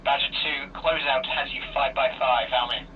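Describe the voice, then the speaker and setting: A man's voice: mid-range voice, fairly even intonation, moderate pace. Man, over a radio, procedural controller calls, distant, static-heavy. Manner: clipped, procedural. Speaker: air traffic controller. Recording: distant, muffled noisy radio.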